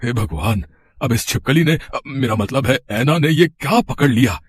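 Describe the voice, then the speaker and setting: A man's voice: medium pitch, expressive, normal speed, breathy edge, dry recording, studio quality. A man voicing a teasing, amused middle-aged father-in-law.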